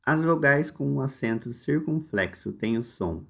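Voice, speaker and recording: A man with a Brazilian Portuguese accent teaching a recorded lesson, explaining exercises slowly and step by step, directly addressing his students. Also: mid-range voice, expressive, creaky, fairly bright tone. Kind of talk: recorded lesson walking through workbook exercises.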